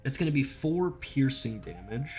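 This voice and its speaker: A man's voice: mid-range voice, very animated, moderate pace, darkish tone. A man acting as game master, talking casually and slangily, joking as he explains rules and narrates play. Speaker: game master of a tabletop role-playing game. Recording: music playing behind the voice. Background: music.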